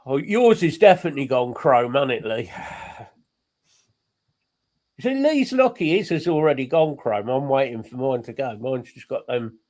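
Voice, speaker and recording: A man from England in casual chat, emphatic and quick to correct others, talking over a remote call. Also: medium pitch, animated, a little mellow. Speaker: podcast co-host. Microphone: remote call setup.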